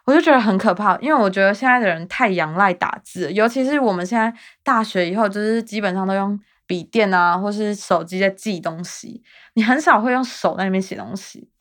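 A woman's voice: medium pitch, a little fast, fairly bright tone. A woman in her twenties with a Taiwanese Mandarin accent, hosting her podcast in a rambling, self-mocking casual chat. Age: 20s. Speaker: podcast host.

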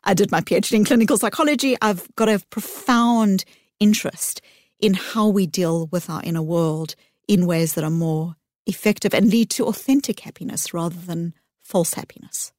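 A middle-aged woman, a psychologist giving earnest, measured interview answers with thoughtful pauses. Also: medium pitch, darkish tone, no echo, clean studio sound. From South Africa. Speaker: psychologist guest.

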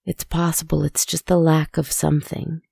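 Low, creaky, hushed woman's soothing storytelling. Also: level tone, no room sound. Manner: slow, deliberate, poetic phrasing. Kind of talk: soft, scripted guided relaxation storytelling.

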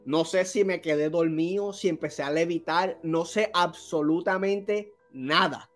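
A man on a podcast, telling a spooky childhood story in a casual, animated, self-mocking way. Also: fairly high pitch, measured pace, faint music behind. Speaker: podcast co-host.

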